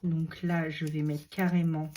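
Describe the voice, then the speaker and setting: A woman with a runny nose chatting casually while she shows a craft project, relaxed and talkative as she works. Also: deep voice, a little slow. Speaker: craft video host. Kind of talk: casual craft tutorial chat.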